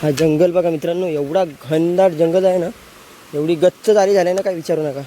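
A man's voice: a little high, fairly even intonation, normal speed, warm tone. A man chatting casually to his viewers as he walks through a forest and along a river. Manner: chatty, repeats himself, addresses viewers as friends. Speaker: vlogger. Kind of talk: casual outdoor vlog narration. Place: forest and riverside outdoors at dusk.

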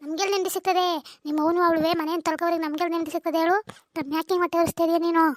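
A voice artist playing an angry young village wife, whose shrill, accusing voice is raised by a cartoon pitch effect. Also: level tone, racing, no room sound. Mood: demanding. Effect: sped-up, high-pitched cartoon voice effect. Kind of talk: comic cartoon dialogue.

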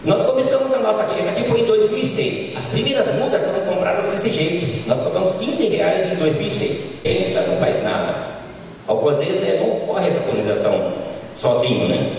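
A middle-aged Brazilian man giving an informal conference lecture on a handheld microphone, often ending points with quick tag questions. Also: sits high, very animated, darkish tone, slight background noise. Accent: Brazilian Portuguese. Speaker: agronomist lecturer. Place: large conference hall. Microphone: handheld mic, filmed from far. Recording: echoey hall from far off.

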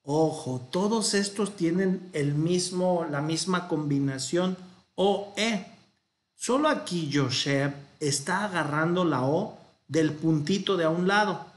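A man's voice: on the high side, slow pace, echoey room. A man with a Mexican Spanish accent teaching a Hebrew grammar class, explaining patiently and correcting himself as he goes. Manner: patient, thinks aloud, corrects himself mid-sentence.

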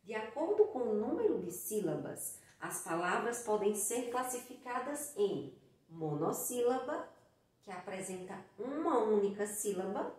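A woman with a Brazilian Portuguese accent teaching a children's lesson, counting out syllables slowly in a sing-song way. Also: medium pitch, sing-song, darkish tone. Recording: very echoey room, from far off the mic.

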